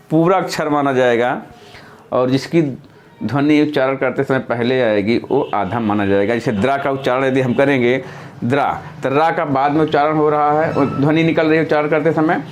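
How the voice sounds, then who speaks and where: Patient man teaching step by step. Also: a little high. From India. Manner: patient, explains step by step, repeats key points; self-correcting, thinking aloud mid-explanation. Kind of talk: classroom-style lesson.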